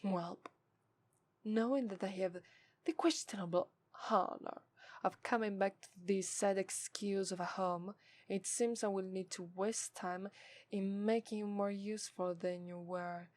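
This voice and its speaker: This ASMR roleplay features a woman as a seductive, scornful, haughty demon, delivered formally and deliberately in an Italian accent, with occasional breathy whispers. Her medium-pitched, steady voice is close to how she'd normally speak, captured in a dry recording.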